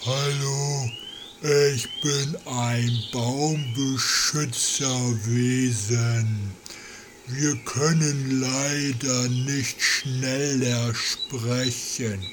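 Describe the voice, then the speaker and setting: A man voicing a solemn male tree-guardian spirit, speaking slowly and earnestly outdoors. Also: mid-range voice, steady tone, noisy background. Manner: slow, measured, earnest. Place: outdoors with birds and crickets. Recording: loud birds and insects behind.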